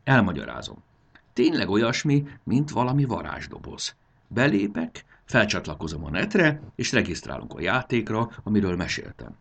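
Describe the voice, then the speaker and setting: A man voicing an excited, secretive schoolboy who talks in a hushed, husky voice. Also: fairly low pitch, slight background noise, heavily acted. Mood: explaining.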